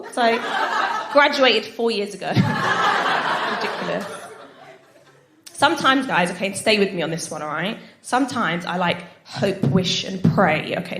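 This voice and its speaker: Mid-range and slightly bright, this twentysomething comedian's voice carries through an echoey, noisy live venue. Onstage at a comedy night, she's chatty with the crowd, tosses out frequent tag questions, and snorts as she giggles.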